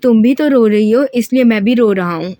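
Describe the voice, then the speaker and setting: A woman's voice: fairly high pitch, a little fast, dark tone, no echo, studio quality, close to an everyday voice. A woman voicing a playful young male bodyguard who teases in a mock-childish way. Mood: teasing.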